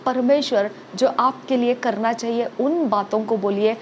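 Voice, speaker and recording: Woman preacher, high voice, repetitive urging, faint background noise. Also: unhurried, dull audio. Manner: repetitive exhortation, frequent "okay?" checks. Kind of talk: sermon.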